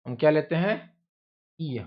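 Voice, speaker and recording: A man's voice: on the high side, a little slow, lo-fi sound. A male teacher, giving a classroom lecture, who repeats words and keeps asking the class questions. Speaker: English teacher.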